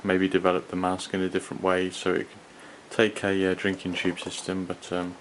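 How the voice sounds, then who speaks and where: A man giving an unscripted hands-on product review in a hesitant, halting, rambling manner. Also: sits low, monotone, fairly bright tone, rough recording. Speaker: gas mask collector and reviewer. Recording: clearly audible background noise.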